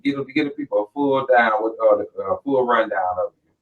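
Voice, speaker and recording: A man's voice: lowish voice, a little fast, recorded from a distance. A man hosting a casual radio interview, loose and rambling, laughing often. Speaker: radio show host. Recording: lo-fi, from off the mic.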